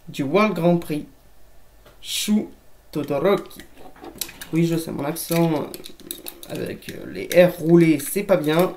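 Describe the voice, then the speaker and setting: Her voice low and dark, this woman vlogger shows off toys in a chatty, joking show-and-tell, treating viewers as friends. She films in a room at home in front of a shelf of toys, with slight background noise.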